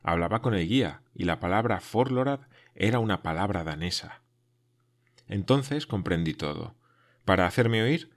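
A man reading a first-person adventure story aloud, in a measured, dramatic way that sinks to hushed tones. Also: lowish voice. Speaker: audiobook narrator. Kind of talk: first-person literary narration.

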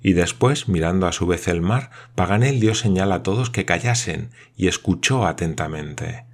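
Deep guy narrating an audiobook, steady dramatic read. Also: normal speed.

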